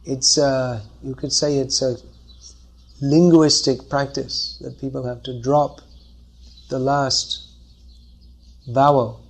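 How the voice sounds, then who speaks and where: A man's voice: medium pitch, flat delivery, slow, creaky, pauses often. A man leading a scripture class, answering audience questions and explaining by thinking aloud.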